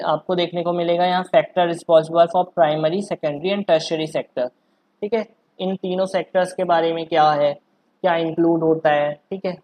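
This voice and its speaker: Lady teacher going over exam prep, kinda low voice, lots of um and okay? checks. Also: darkish tone. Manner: explains in a chatty way, often asks "ठीक है" and "है ना"; hesitant, with many fillers and restarts. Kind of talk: casual Hindi-English lesson.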